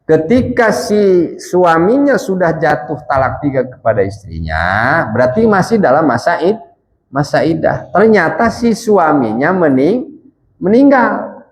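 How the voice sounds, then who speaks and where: A male ustadz giving a mosque sermon in a conversational way, calling the men Pak and reciting Arabic texts slowly. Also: big pitch swings, low-quality recording. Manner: wide swings in pitch and volume.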